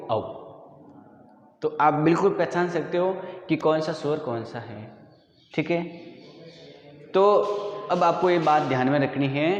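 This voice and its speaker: Male schoolteacher, slightly high voice, unhurried and repetitive, roomy classroom reverb. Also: muffled recording. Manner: slow, patient, repeats definitions and quizzes students. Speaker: school teacher. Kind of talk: classroom grammar lesson. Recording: echoey room with long reverb.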